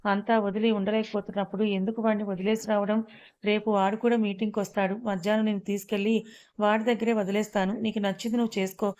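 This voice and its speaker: A woman's voice: medium pitch, flat delivery, fast talker, darkish tone, natural voice. Woman reading as a stern, hurt young man. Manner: curt, scolding, then pained.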